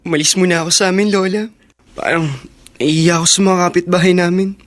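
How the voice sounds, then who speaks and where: A tearful teenage boy in a radio drama, as played by a voice actor, speaking in a shaky, crying voice of ordinary pitch. He sounds hurt and anxious. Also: fairly even intonation, a little fast, lightly acted. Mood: upset. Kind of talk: Filipino radio drama acting.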